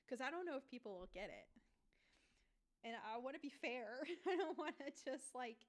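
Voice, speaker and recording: A woman's voice: high-pitched, lively intonation, moderate pace. A woman artist chatting casually while she draws on a stream, giggling often and rambling to herself. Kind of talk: casual chat while drawing.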